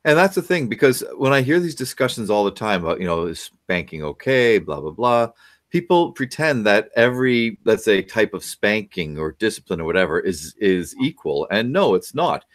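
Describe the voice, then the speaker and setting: Appearing as a guest parenting expert, this middle-aged man talks over video from a home office in a rather low, sing-song voice at ordinary speed. His delivery is lecturing and packed with questions and fillers.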